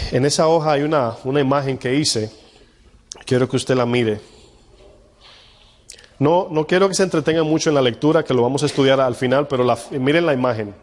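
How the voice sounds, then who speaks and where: A man's voice: mid-range voice, slight background noise. A male pastor giving a conversational sermon, teaching and putting questions to his congregation in a church. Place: church hall with live congregation. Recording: long hall reverb.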